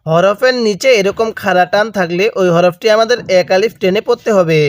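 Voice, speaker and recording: A man's voice: sits high, no echo, studio quality. A man teaching Quran letter pronunciation with a Bangladeshi Bengali accent, patiently drilling each sound and asking listeners to repeat after him. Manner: patient, repeats each letter slowly and asks the viewer to read along. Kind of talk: slow recitation lesson with call-and-repeat drills.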